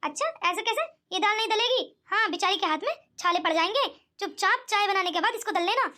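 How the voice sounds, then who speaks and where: A domineering mother-in-law played by a woman in a cartoon. Her voice is very high and piercingly bright. She barks orders and scolds. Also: expressive, fast talker, heavily acted. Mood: stern. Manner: commanding and scolding. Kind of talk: cartoon voice acting.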